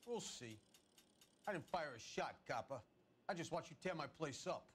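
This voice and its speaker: An actor playing a middle-aged crooked car dealer in a 1940s crime game, defensive and sarcastic, talking in streetwise old slang. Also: male voice, a little high, expressive, normal speed, a little hiss or hum, close to an everyday voice.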